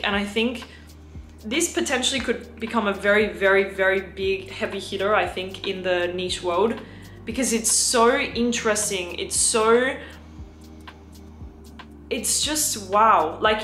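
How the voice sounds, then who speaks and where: Young Australian woman, lightly French-tinged accent, effusive casual vlog chat, roomy sound with soft music behind. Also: unhurried. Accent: Australian, with some French influence. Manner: gushing and effusive, slips into a lowered, breathy hush. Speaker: fragrance vlogger.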